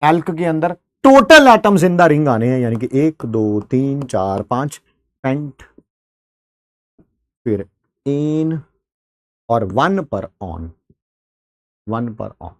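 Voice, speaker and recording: A man's voice: medium pitch, sing-song, slow pace, long pauses, dry recording, clean studio sound. A man with an Indian accent teaching an online chemistry class in a chatty way, talking straight to his students and mixing in English terms.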